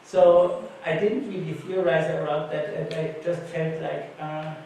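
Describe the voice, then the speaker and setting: With a fairly high, creaky, darkish voice, this man talks unhurriedly and in a level tone. He's a German-born panelist, native in German, telling informal stories at a conference talk. Faint noise, a distant microphone, and heavy echo mark the conference hall recording.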